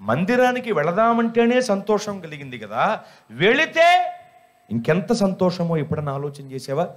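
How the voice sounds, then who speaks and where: A man, a pastor, preaching a sermon in an animated, humorous way and scolding his listeners with rhetorical questions. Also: high voice, normal speed.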